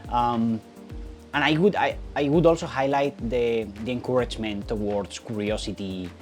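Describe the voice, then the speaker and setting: A woman's voice: a bass voice, moderate pace, darkish tone, faint music behind. A woman talking earnestly in an interview as a team member, often restarting and repeating words. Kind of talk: interview talk.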